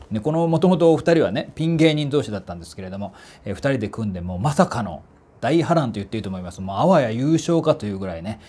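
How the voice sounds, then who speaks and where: A man's voice: mid-range voice, mellow. A man from the Kanto region, a voice trainer giving a chatty, emphatic solo talk with polite asides. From Kanto, Japan.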